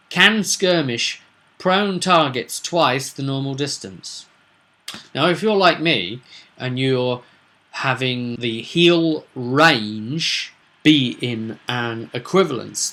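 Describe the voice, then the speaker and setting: A British man with a mid-range, pushed and bright voice gives casual, unscripted commentary as a tabletop roleplaying game master and vidcast host. He's emphatic and opinionated, rambling along with rhetorical questions.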